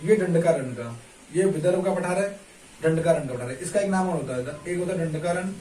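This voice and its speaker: A man's voice: a little high, quick pace, dark tone. A man teaching a casual map lesson, asking his students questions over and over and answering them himself. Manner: repetitive quiz-style questioning. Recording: echoey room, distant mic, faint noise.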